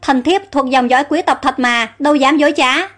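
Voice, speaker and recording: A woman's voice: sits high, moderate pace, a bit bright. A woman voicing a frightened young slave girl who begs and wails for mercy. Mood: pleading. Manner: begging, panicked wailing.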